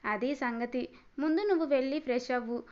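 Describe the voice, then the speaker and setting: A woman's voice: high voice, fairly quick, smooth, dull audio, close to an everyday voice. A woman narrator voicing a young woman, an anxious, devoted elder sister who pleads through tears, in a storybook reading. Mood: worried. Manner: pleading, tearful.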